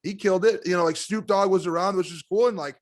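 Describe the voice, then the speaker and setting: A man chatting casually as a guest on a podcast, an animated and excitable wrestling fan. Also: high-pitched, fast. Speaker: guest commentator.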